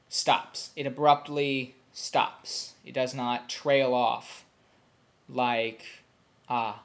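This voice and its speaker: A young man in a quick, casual home video, mid-pitched and rambling. He fills his talk with ums and restarts, and he stops to sound out short examples. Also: gravelly. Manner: demonstrates sounds aloud. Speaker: language learner explaining pronunciation.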